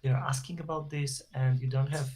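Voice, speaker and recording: Over a video call with slight background noise, a Polish SEO professional is a guest on an online interview, explaining at length in a Polish accent with fillers and restarts. His mid-range voice is a little mellow and a little fast, with a level tone.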